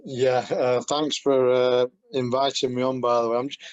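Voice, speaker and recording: A man's voice: medium pitch, flat delivery, moderate pace, clean tone, lo-fi sound. A man with a Yorkshire accent on a video call, telling his story in a rambling, self-deprecating way with frequent chuckles. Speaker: guest giving a testimonial. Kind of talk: casual video call chat.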